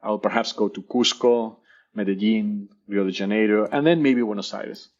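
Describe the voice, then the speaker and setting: Here the guest is a male professor, a native Spanish speaker with an Argentinian accent, chatting casually in an interview. His pitch is fairly low, his pace moderate, and the audio has its highs cut off. Enthusiasm comes through, along with frequent word repetition as he gropes for what to say.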